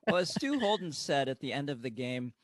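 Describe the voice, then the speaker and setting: A man's voice: mid-range voice, fairly quick, no room sound. A man who is a pastor and coach, a podcast guest talking animatedly about a sports game. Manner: animated, storytelling. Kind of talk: casual sports chat.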